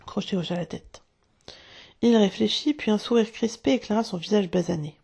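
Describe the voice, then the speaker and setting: A woman narrating a storybook in a hushed, dramatic way, often dropping to a whisper. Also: medium pitch, normal speed, vocal fry, slightly rough. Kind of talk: storybook reading.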